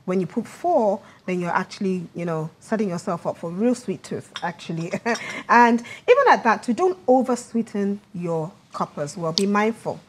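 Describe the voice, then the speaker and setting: A woman's voice: medium pitch, lively intonation, moderate pace, a little hiss or hum. Woman etiquette coach giving instructive advice. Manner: instructive, advising in dos and don'ts. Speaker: etiquette coach, guest expert. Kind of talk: conversational TV lifestyle demonstration.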